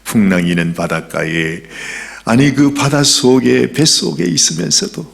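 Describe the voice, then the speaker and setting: A middle-aged man preaching a sermon as pastor, dramatic and swinging between loud calls and soft whispers. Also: mid-range voice, normal speed, gravelly.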